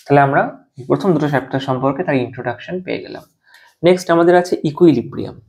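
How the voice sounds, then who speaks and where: Gravelly-voiced male teacher lecturing. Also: mid-range voice, darkish tone. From West Bengal. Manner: explains step by step with frequent check-ins, slows to dictate terms. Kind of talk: classroom lecture.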